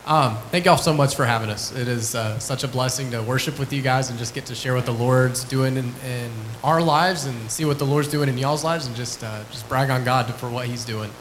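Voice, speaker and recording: A man's voice: mid-range voice, fairly quick, hardly any pauses, slight background noise, rough recording. Friendly man giving a church testimony. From Lubbock, Texas. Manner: friendly, relaxed, hesitant with many fillers. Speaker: ministry staff member.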